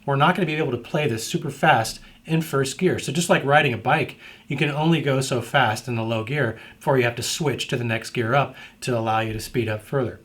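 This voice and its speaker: A middle-aged man teaches drum rudiments in a calm instructional tone. His voice sits in a middle pitch, neither high nor low. He breaks things down step by step and often checks that the listener is following. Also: brisk. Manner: explanatory, repeatedly checks in with "right?".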